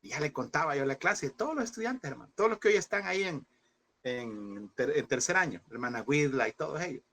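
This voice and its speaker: A fervent man in his thirties preaching at a seminary class, with a fairly high voice. He keeps calling his listeners "brother" and speaks with grief in his voice. He pushes them to persevere. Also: animated, fairly quick, a bit bright, slight background noise. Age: 30s. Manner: fervent, addresses listeners as "hermano". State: emotional, speaking through grief. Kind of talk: impassioned sermon-style class.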